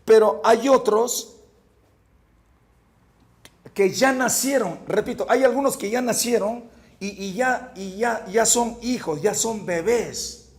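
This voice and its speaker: A male pastor preaching a fervent sermon, moving from hushed storytelling to shouted points and often repeating words. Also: high-pitched, takes it slowly, pauses often. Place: church.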